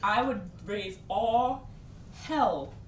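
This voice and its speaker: A young woman hosting a casual sports talk show, playful and quick to laugh. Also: mid-range voice, animated, roomy sound, far from the mic, a little hiss or hum. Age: young adult. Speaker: host.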